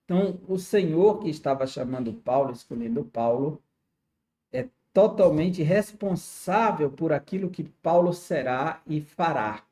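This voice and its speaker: A man's voice: on the high side, mellow. Brazilian man teaching a Bible lesson. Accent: Brazilian Portuguese. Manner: explanatory, with frequent "né?" and "tá certo?" checks. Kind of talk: Sunday school Bible lesson.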